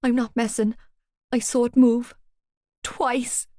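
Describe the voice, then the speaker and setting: A jumpy, frightened teenage girl, voiced by a woman reading an audiobook, pleading in a high, shrill rush. The sound is close and dry, with no room around her, as in a storybook reading. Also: little pitch movement, takes it slowly, mellow, no echo. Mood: panicked.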